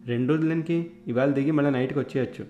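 A male storyteller voicing a blunt, scornful man who speaks loudly. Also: medium pitch, fast talker, roomy sound, muffled recording, faint music behind, voice pushed up, natural voice. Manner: loud and blunt. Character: blunt, scornful man, the patient's brother-in-law.

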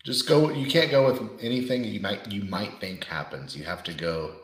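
A man's voice: on the low side, recorded from a distance. A man co-hosting a podcast, steering the casual sports chat and prompting the others. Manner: steers the talk, quick to agree and prompt. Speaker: podcast co-host. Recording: roomy sound.

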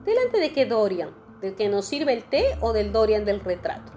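A woman's voice: mid-range voice, sing-song, normal speed, dark tone, soft background music, natural voice. A woman doing a languid, witty aristocrat. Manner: dreamy, ironic drawl. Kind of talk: storybook reading.

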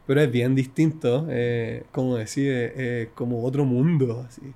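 A young man with a Chilean accent, a freestyle rapper talking casually in an interview, slangy and animated. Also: mid-range voice, normal speed. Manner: slangy, animated storytelling with shouted imitations.

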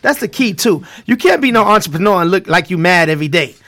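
A high-voiced man with a Brooklyn accent hosts a live talk show. He speaks casually and hypes things up, circling back to repeat his phrases for emphasis. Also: lively intonation, fast talker, fairly bright tone. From Brooklyn, New York. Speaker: radio show host.

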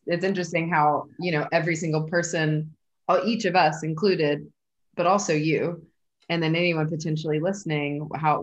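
Low-voiced woman in casual chat, slightly muffled. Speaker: guest panelist in a group discussion.

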